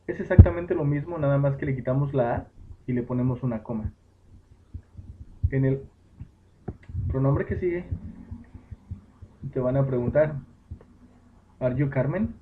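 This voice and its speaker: Slow, patient man explaining on tinny audio. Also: medium pitch. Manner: slow, patient explaining with fillers and self-corrections. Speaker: English teacher. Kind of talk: home-made lesson explaining grammar. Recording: tinny phone-like recording with faint noise.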